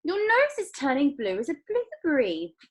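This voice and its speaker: A woman's voice: huge pitch swings, slow, exaggerated voice. A woman voicing a panicky middle-aged mother in a storybook read-aloud, shrieking and frantic. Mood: panicked. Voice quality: shrill, frantic.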